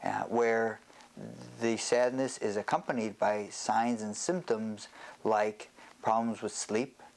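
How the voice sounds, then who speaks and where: This psychiatrist speaks with a lowish voice and fairly even intonation as he gives an educational talk on health. He explains carefully, with hesitant pauses along the way.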